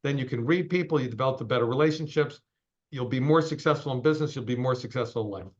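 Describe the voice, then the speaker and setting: A man's voice: mid-range voice, fast, lo-fi sound. A man in his sixties, a company CEO, giving a straight-talking, emphatic interview over a call. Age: 60s.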